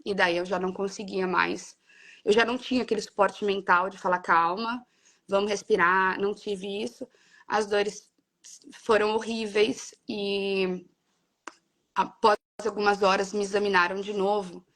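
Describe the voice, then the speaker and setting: Gravelly-voiced woman telling her story. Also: mid-range voice, little pitch movement, moderate pace, fairly bright tone. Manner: earnest, emotional retelling with many quoted exchanges. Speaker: guest sharing her birth story. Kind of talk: casual conversational storytelling.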